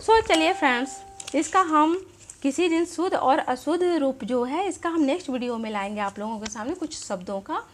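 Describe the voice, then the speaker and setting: High-voiced teacher explaining grammar. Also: female voice, animated, a little hiss or hum. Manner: explanatory, repeats example words slowly. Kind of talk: grammar lesson.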